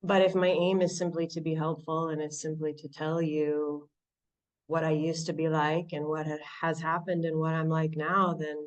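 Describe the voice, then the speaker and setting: A low-voiced American woman from Southern California tells her recovery story at an online meeting, thoughtful and halting, with frequent restarts and fillers. Her pitch barely moves, and she sits back from the microphone, so the recording sounds slightly distant.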